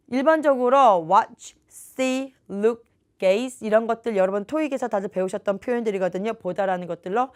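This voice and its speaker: A woman teaching a test-prep lecture, explaining points clearly and stressing them by repeating. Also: fairly high pitch. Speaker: English test prep instructor.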